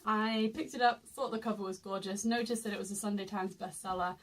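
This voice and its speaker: A young woman chatting casually as a guest co-host, giggly and rambling, trailing off into soft asides. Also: medium pitch, fairly even intonation, fairly quick, low-quality recording. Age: young adult. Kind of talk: casual book haul chat.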